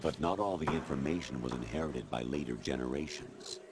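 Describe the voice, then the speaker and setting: A very deep male voice portrays a cold machine intelligence, a formless AI posing as a colonel, in video game cutscene acting. It lectures coldly in a measured, authoritative, matter-of-fact manner over loud background music.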